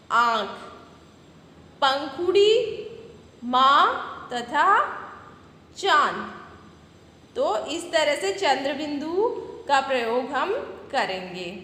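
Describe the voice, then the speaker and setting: Woman teacher for small children: high, bright voice, slow and patient, echoey room. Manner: patient, repeats words slowly and asks questions to the children. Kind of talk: slow classroom video lesson for young children. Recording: echoey room with long reverb and faint noise.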